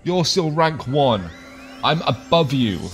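A man's voice: medium pitch, expressive, moderate pace, fairly bright tone, soft background music. A man giving playful, improvised gameplay commentary in a jokey, mock-dramatic manner. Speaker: gaming host.

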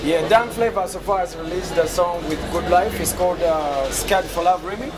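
High-pitched Ugandan man, interview guest. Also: moderate pace, over loud music. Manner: repeats words for emphasis. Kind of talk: casual red carpet interview. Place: crowded club entrance red carpet. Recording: loud crowd chatter at venue.

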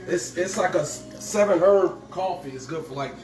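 A man cooking in a home kitchen, talking in a relaxed, conversational way. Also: a little high, moderate pace. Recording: echoey, from across the room.

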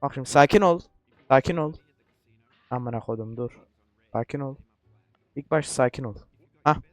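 A man giving let's-play commentary, cursing a lot in frustration and repeating short words while coaching himself to stay calm. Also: medium pitch, moderate pace, no room sound, faint music behind. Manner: repetitive outbursts. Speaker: gaming YouTuber.

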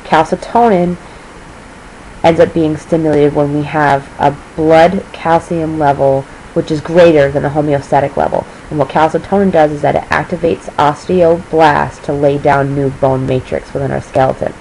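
Low-voiced woman teacher, losing her voice. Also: steady tone, normal speed, vocal fry, dark tone, slight background noise, poor audio. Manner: explanatory, checks in with "okay?". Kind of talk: recorded lecture review.

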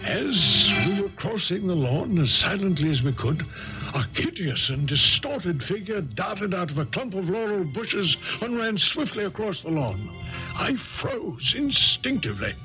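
An actor playing an earnest, slightly blustery gentleman doctor, a loyal companion who also narrates a 1970s radio drama. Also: sits high, big pitch swings, a little slow, over music, rough recording. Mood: measured storytelling.

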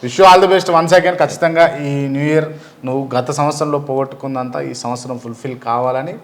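A fast-talking male interviewer hosting a show. He is brisk and encouraging, wishing his guest well. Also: mid-range voice, steady tone. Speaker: interviewer host.

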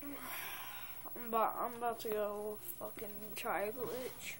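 A woman's voice: on the high side, steady tone, takes it slowly, noisy background. A young woman talking in a casual gaming vlog into a phone mic, swearing constantly in a frustrated rant. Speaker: gaming vlogger.

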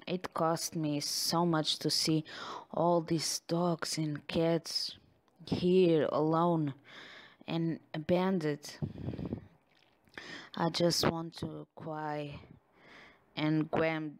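A woman who is not a native English speaker performs an affectionate ASMR girlfriend roleplay speaking straight to the listener. Her voice is deep with little pitch movement, and she speaks slowly and tenderly, often sighing and giggling.

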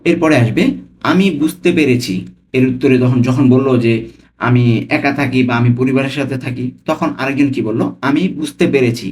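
A man with a Bangladeshi Bengali accent leads a language lesson at an ordinary, mid-range pitch. He breaks each phrase into single words and says them slowly and clearly. He then repeats the whole phrase in the patient rhythm of a tutor. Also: a little mellow. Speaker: language teacher.

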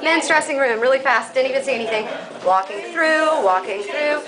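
A woman chatting excitedly as she walks backstage in a theater, narrating into a handheld camera before a show. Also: high-pitched, fast. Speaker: cast member filming backstage. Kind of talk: handheld backstage tour chat. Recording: loud crowd chatter behind.

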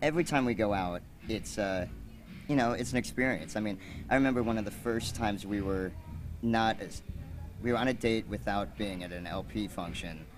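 A man's voice: fairly low pitch, normal speed, over music. A man speaking candidly, rambling a little with fillers. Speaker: interviewee.

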